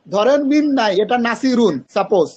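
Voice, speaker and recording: A man's voice: high-pitched, expressive, moderate pace, a little mellow, muffled recording. A man teaching Arabic grammar in an online class, patiently quizzing his students and mixing in English terms.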